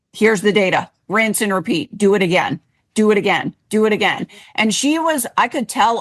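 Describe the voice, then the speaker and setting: A woman's voice: mid-range voice, a bit bright. A woman co-hosting a podcast, talking directly and repetitively about coaching clients. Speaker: podcast co-host, health coach. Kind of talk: casual podcast chat.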